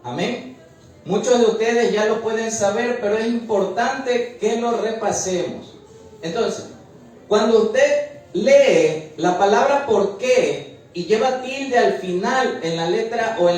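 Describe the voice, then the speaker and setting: This male preacher teaches a Bible study at a slow pace, his voice sitting high with a touch of mellowness. He explains patiently and frequently ends points with "amén," and the recording sounds distant and very echoey.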